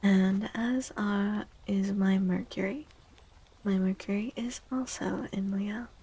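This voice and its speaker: An ASMR streamer giving readings, a woman chats casually in a soft, gentle, breathy near-whisper. Her mid-range voice stays steady and slow.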